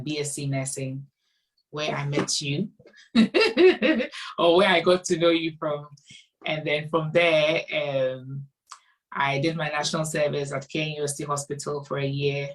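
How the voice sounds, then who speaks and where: A young woman with a Ghanaian accent speaks in a low voice, friendly and chatty, often laughing and repeating herself as she gets going. She sounds a bit far from the microphone. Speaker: guest, nurse. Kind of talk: casual interview.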